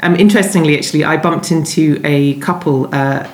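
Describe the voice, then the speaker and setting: A London woman, a guest novelist, gives chatty, wandering interview answers from her home, frequently rephrasing as she talks. Her voice is low and a bit quick, and the room sounds echoey.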